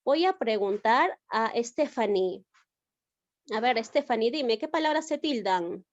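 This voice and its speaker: Woman teacher on a video call, kinda high voice, muffled lo-fi sound, keeps checking in w students. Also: lively intonation, measured pace, no room sound. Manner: explains step by step, often checks with "¿ya?". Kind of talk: online class lesson.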